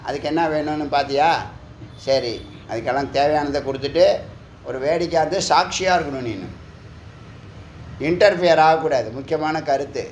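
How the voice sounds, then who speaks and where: A man giving a spiritual discourse, scolding his listeners with teasing rhetorical questions. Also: a little high. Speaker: spiritual teacher. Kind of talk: Tamil discourse on scripture. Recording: echoey room, faint background noise.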